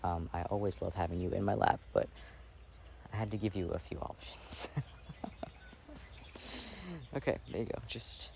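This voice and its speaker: This ASMR roleplay has a man as a shy, affectionate boyfriend, insecure and fond of plants, reading while seated on grass outside. He talks slowly in a low, soft, creaky voice, steady in tone but halting and hesitant. Background noise, faint birdsong and outdoor sound surround him.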